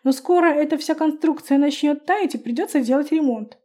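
A man's voice: very high voice, brisk, dark tone, pitched above the performer's own voice. A woman voicing a dry, sarcastic man who calls out from another room in a storybook reading. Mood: wry.

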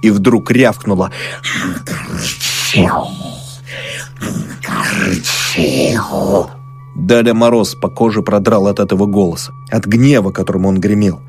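A man narrating an audiobook in an expressive, dramatic manner. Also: on the low side, brisk, few pauses. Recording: close dry recording, soft music underneath.

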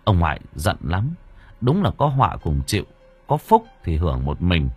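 Husky-voiced man narrating a story. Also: deep voice, normal speed. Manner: dramatic, lively. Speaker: audiobook narrator. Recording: faint background music.

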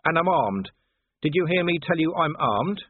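A man's voice: fairly high pitch, lively intonation, moderate pace, breathy edge, dry recording, voice pushed up. A man playing a sardonic, weary police commander. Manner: sardonic, clipped. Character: dry, weary, tough male police commander. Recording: tinny phone-like audio.

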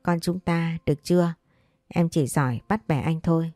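Woman reader doing a soothing, caring storybook husband; dark warm tone, soft music behind. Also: low-pitched, normal speed, no echo, studio quality, lightly acted. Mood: tender. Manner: gentle, soothing. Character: caring young husband, gentle and teasing.

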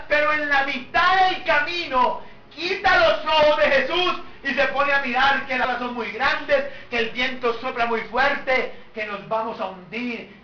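A man's voice: very high-pitched, sharp tone, slight background noise. A man preaching a sermon, telling the story with animation and throwing rhetorical questions at the congregation. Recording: echoey hall, distant mic, dull lo-fi.

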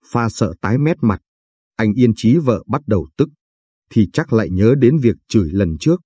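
A male storyteller reads in a slow, measured way. His voice is low, dark and breathy, and it sounds dry and close to the mic. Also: no room sound. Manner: measured, steady reading. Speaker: narrator. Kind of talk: storytelling narration.

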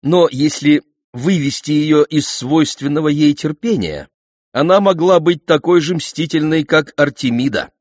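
A male audiobook narrator tells the tale with theatrical, expressive delivery at a mid pitch. The recording is dry, close and slightly dull, without room sound. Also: no room sound. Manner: lively, theatrical storytelling.

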